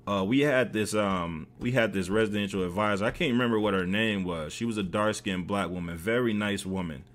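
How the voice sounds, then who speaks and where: An American man streaming, loosely retelling a story with many fillers. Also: on the low side. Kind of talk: casual storytelling.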